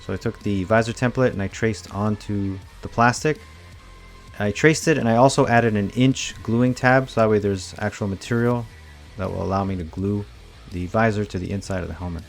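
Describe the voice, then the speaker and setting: A man in his thirties with a fairly low voice walks through each craft step in a relaxed, matter-of-fact way. It is a casual tutorial voice-over. Faint music plays underneath. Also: moderate pace, creaky. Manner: relaxed, plain step-by-step explaining. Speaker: cosplay prop maker. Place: home workshop, indoors.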